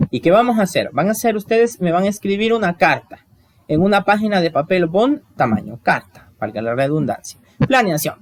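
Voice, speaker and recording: A man's voice: on the high side, dry recording. A man, teaching a recorded online lesson and explaining each step while asking the class questions.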